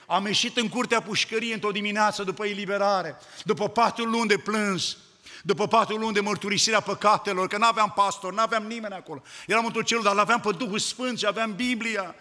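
Fervent male preacher, high bright voice, declaiming in a reverberant church hall. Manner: fervent, rising to loud declamation. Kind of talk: sermon.

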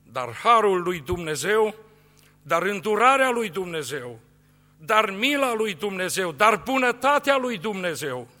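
Male preacher, high bright voice, solemn emphatic sermon, hall echo. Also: sing-song. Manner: solemn, emphatic, rising and falling delivery. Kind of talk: sermon with scripture reading. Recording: long hall reverb.

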